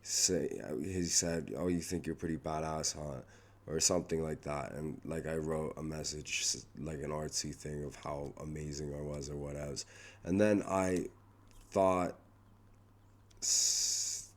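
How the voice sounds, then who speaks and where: Very deep-voiced man rambling in a vlog. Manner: rambling, halting, many restarts and "like" fillers. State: losing his voice. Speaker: vlogger. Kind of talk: rambling personal vlog update.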